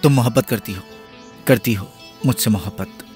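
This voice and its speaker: A man's voice: lowish voice, moderate pace, darkish tone, soft background music, close to an everyday voice. A man dubbing a film role, a young man in love who speaks in an earnest, pleading way. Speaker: dub actor.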